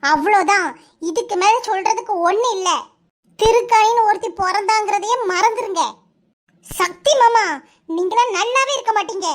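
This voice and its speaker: Defiant, cutting young cartoon village woman voiced by a woman, very high, southern Tamil Nadu accent. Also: normal speed.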